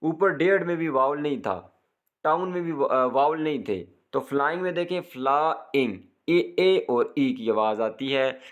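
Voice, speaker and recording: A man teaching a lesson, reading English sentences slowly and explaining each one at length. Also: a little high, lively intonation. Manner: slow, deliberate reading of English lines with repeated rephrasings.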